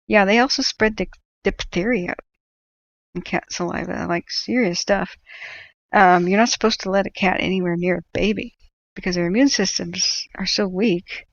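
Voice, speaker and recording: A woman's voice: mid-range voice, moderate pace, vocal fry, no room sound, highs cut off. A woman hosting a livestream, chatting casually and explaining things to viewers in an opinionated, emphatic way. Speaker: livestream host.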